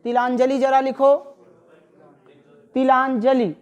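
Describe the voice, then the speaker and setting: A woman teacher taking a classroom spelling lesson, saying each word slowly and over again and putting questions to her students. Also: high-pitched, level tone, a little mellow, lo-fi sound. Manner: drills words by slow repetition, asks the class questions.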